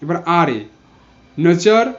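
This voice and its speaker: Bengali-speaking male teacher, high voice, patient, repeats examples slowly, dull lo-fi sound. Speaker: English pronunciation teacher. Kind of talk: explaining pronunciation rules. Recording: dull lo-fi recording.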